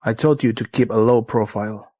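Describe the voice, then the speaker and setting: A man's voice: fairly low pitch, brisk, warm tone, no room sound, natural voice. A man dubbing a cold young company boss who gives curt orders. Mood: commanding. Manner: curt, commanding. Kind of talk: dubbed drama acting.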